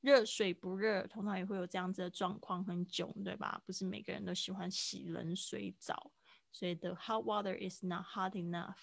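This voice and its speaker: A woman patiently explains English phrases to students in a live online class. Her voice has a gravelly edge, and the sound is dry and close, with no room behind it. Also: mid-range voice, fairly even intonation, normal speed, no echo. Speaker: English teacher.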